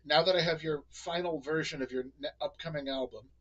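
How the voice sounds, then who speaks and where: A man with a New England accent talks in a relaxed, rambling way, full of fillers and restarts. His voice is bright and a little husky, and his pitch sits in a middle range. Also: a little fast, lo-fi sound. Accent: New England American. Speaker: podcast host. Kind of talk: casual chat.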